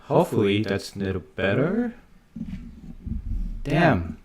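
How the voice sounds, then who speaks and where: A man's voice: fairly low pitch, very animated, takes it slowly, darkish tone. A man hosting a casual livestream, chatting to viewers while his mic carries a heavy doubled echo. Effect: heavy doubled room echo on the mic. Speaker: livestream host. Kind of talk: casual live chat with viewers.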